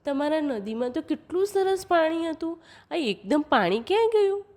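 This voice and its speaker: A woman voicing surprised animals and villagers in a children's story, exclaiming high questions. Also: very animated, moderate pace, a little mellow.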